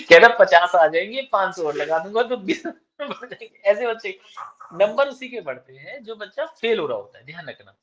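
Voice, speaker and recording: A man's voice: high-pitched, animated, a bit bright, dull audio. A man teaching chemistry, lecturing his class and dictating answers to write down. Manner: switches between rapid chat and slow word-by-word dictation.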